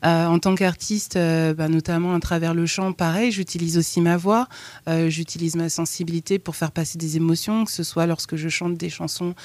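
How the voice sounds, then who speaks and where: A woman's voice: fairly low pitch, steady tone, a little mellow, no room sound. Hesitant woman guest in a studio. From France. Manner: halting, many hesitations. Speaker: guest author and therapist. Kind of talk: radio interview answers. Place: radio studio.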